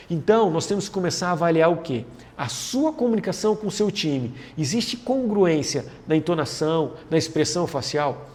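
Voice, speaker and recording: A man's voice: high-pitched, a little mellow. A man giving a leadership lesson, asking rhetorical questions and answering them himself, repeating key phrases for emphasis. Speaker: leadership lecturer, host of the series. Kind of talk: talking-head lesson on management.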